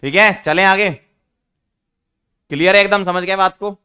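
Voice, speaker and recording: A man teaching an online chemistry lesson, teasing his students and repeating key rules slowly for emphasis. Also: sits high, steady tone, pushed and bright, clean tone. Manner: teasing, addresses students as beta.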